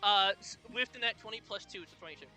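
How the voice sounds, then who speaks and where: A man's voice: sits high, fast talker, bright, forceful tone. A man chatting casually as a player in a tabletop role-playing game. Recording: music in the background.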